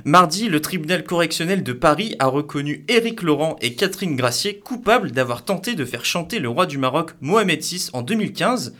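A young man reading scripted news items in a measured, formal way. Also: on the high side, lively intonation, bright, forceful tone. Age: young adult. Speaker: news presenter.

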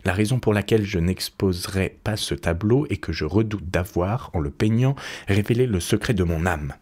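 A man's voice: sits low, normal speed, darkish tone. A man reading aloud and voicing an earnest, troubled young painter who speaks sincerely.

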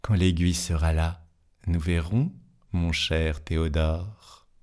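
A man reading the lines of a pale, ghostly young woman, softly and a little sulkily, in a storybook. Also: sits low, fairly even intonation, takes it slowly. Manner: soft, slightly sulky.

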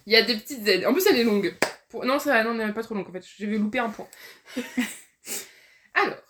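Chatty French woman, rather high voice. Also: a little fast, background noise. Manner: rambling, many fillers and restarts. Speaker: podcast co-host. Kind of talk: casual chat about books.

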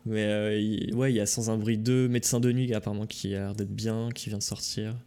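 A young man hosting a live stream, talking in a relaxed, chatty way with lots of fillers and easy laughter. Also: fairly low pitch, normal speed, clean tone. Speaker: host. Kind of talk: casual live-stream chat.

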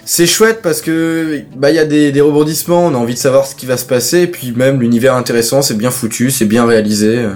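A man's voice: mid-range voice, steady tone, fast, few pauses, darkish tone. A man on a casual podcast who argues his point with enthusiasm and insistence. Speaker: podcast co-host. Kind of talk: casual group chat.

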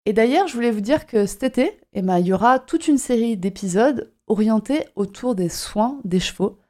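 A woman's voice: fairly high pitch, lively intonation, normal speed, warm tone. A woman hosting her own podcast as a horse shiatsu practitioner, chatting casually and often repeating and rephrasing herself. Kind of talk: casual solo podcast talk.

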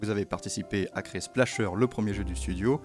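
Low-voiced French podcast host. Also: male voice, quick pace, a little mellow, faint music behind. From France. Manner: friendly, hesitant with fillers. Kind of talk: conversational interview.

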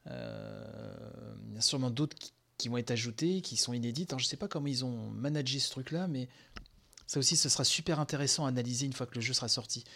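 Podcast guy reacting live, gushing and excited, tired, lots of ums and sighs, middle pitch. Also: quick pace, gravelly. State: tired from sleepless nights. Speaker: podcast host.

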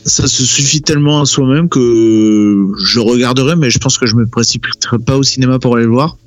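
A man's voice: mid-range voice, fairly quick, no room sound. A man on a film podcast panel, chatting casually and sounding unenthused. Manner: unenthused, plain-spoken.

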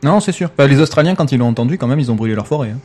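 Fast, teasing male co-host on a noisy mic. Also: mid-range voice, lively intonation. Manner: teasing, jokey. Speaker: podcast co-host. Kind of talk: casual podcast banter.

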